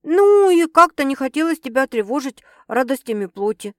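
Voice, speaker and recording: A woman's voice: sits high, sing-song, moderate pace, a bit bright, dry recording, studio quality, pitched above the performer's own voice. A woman voicing a teasing, outspoken young woman in an audiobook, sarcastic and bossy. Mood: ironic. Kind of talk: audiobook character voice.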